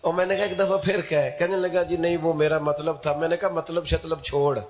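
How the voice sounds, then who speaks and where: A man preaching an emotional sermon, moving between soft storytelling and loud, fervent climaxes. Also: fairly high pitch, flat delivery.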